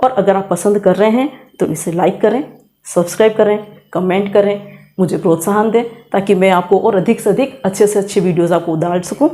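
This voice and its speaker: A woman's voice: medium pitch, fairly quick, mellow. A middle-aged woman teaching grammar, patiently explaining and repeating sounds aloud to demonstrate pronunciation. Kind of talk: classroom lesson, explaining pronunciation.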